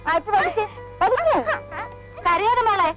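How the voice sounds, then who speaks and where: A woman's voice: very high voice, fairly even intonation, moderate pace. An actress playing a kind aunt who gives a frightened girl urgent, coaxing instructions, in film dialogue. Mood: urging. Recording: dull old film sound with music.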